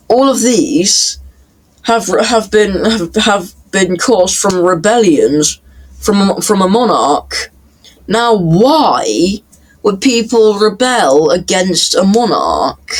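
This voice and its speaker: Slow halting guy with a high voice, casual commentary, stammers and repeats himself a lot. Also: poor audio. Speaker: reaction commentator.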